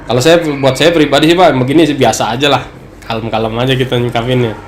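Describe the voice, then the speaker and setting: A relaxed male religious teacher at a study session speaks in a mid-range voice, chatty and easygoing. He now and then mimics people asking him questions. The room sounds echoey, with a faint noise underneath. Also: medium pitch, fast talker. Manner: relaxed, conversational, acts out questions from worshippers. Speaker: ustaz teaching Islamic law.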